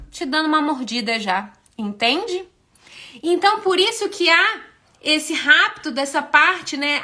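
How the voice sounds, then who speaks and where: A woman's voice: high-pitched, pushed and bright. A woman with a Brazilian Portuguese accent giving an explanatory live talk over a phone stream. She asks herself rhetorical questions and keeps tagging her points with short checks. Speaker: host explaining compulsive eating. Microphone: phone on a social media live stream.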